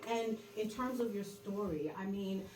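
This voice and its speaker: A woman interviewing a guest, warmly affirming and asking questions. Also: mid-range voice, a little slow. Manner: affirming, supportive. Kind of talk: interview conversation. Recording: roomy, distant mic.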